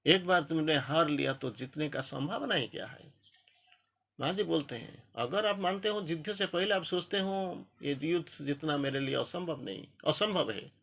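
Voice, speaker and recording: A man's voice: fairly high pitch, expressive, moderate pace, gravelly, fairly bright tone. A man giving a motivational spiritual talk, exhorting his listeners with repeated phrases and English sayings, speaking Hindi with an Odia-influenced accent. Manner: exhorting, repetitive, mixes English maxims into Hindi.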